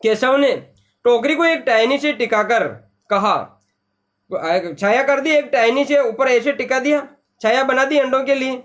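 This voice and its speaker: A man's voice: very high-pitched, unhurried, fairly bright tone. A man teaching a lesson, retelling a story and explaining it with lots of repetition. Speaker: Hindi teacher.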